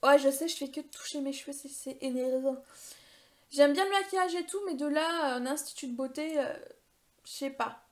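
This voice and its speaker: A woman in her thirties, a beauty YouTuber, answers viewer questions in a casual vlog with a high voice at normal speed. She's chatty and rambling, hesitating a lot and poking fun at herself.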